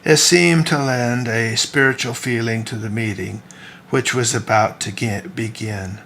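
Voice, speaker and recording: A man reads his own novel aloud at an easy, gentle pace, his voice sitting in an ordinary middle pitch. Faint background hiss lies under the reading. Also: steady tone, measured pace. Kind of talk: storybook narration.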